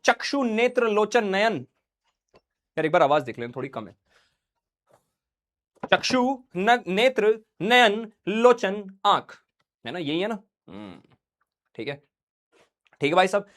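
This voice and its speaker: A man's voice: high voice, sing-song, slow pace, pauses often, a bit bright. A young man teaching a science class online, playful and joking, acting out little scenes for his students while feeling unwell.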